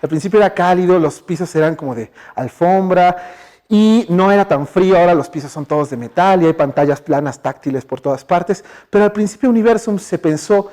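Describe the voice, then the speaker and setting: A man's voice: sits high, a little fast, darkish tone. A man with a Mexican Spanish accent giving a chatty public science talk in a university lecture hall, asking the audience questions and using lots of fillers. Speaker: guest speaker.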